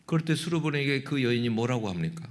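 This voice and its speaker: Male pastor, mid-range voice, emphatic Sunday sermon with rhetorical prods and sharp shifts between loud and hushed. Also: mid-range voice, lively intonation, fast. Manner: emphatic, prodding the congregation with rhetorical "예?" and "응?"; swings between loud exclamation and hushed intensity.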